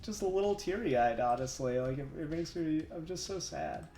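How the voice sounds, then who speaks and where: A man with a slightly high, expressive voice talks at a moderate pace as he co-hosts a casual livestream. He thinks aloud, rambles, and laughs while 3D modelling, and the echoey room carries faint music in the background.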